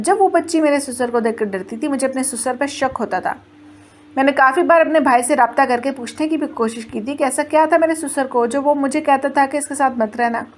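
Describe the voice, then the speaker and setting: A woman in her twenties narrating a first-person family story in a plain storytelling way, voicing the quoted lines in her own voice. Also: high voice. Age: 20s.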